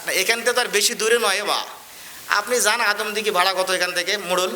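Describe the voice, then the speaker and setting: Male preacher, high and very bright tone, storytelling sermon with a faint hiss in the background. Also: fairly even intonation, brisk. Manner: storyteller, often checks the crowd understands. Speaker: Islamic preacher.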